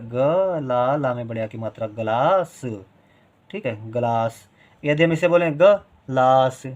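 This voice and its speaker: A man teaching a spoken writing lesson, patiently repeating syllables and stretching sounds to show how long each is held. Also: mid-range voice.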